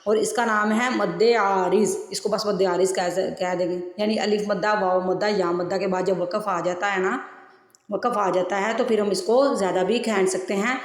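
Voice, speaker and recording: A woman's voice: medium pitch, fairly even intonation, moderate pace, roomy sound, long reverb tail. A woman teaching tajweed in a patient, repetitive way, counting out seconds and stretching recited syllables. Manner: patient, repeats rules and counts seconds aloud. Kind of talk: tajweed lesson.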